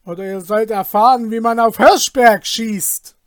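A man's voice: sits high, steady tone, unhurried, no room sound, clean studio sound, pitched above the performer's own voice. A man doing a thundering, furious knight. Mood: thundering threat. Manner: loud, commanding shouting.

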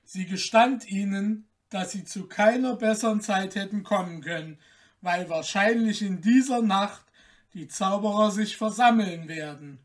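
A narrator reading a fairy tale audiobook in a slow, measured way. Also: mid-range voice, far from the mic.

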